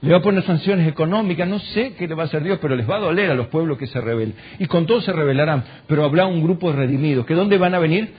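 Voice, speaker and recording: A man with an Argentine Spanish accent preaching a sermon as a pastor, firing rhetorical questions at the congregation, rising to loud exclamations and dropping to soft prayer. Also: on the high side, fast talker, hardly any pauses, husky, dull audio. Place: church.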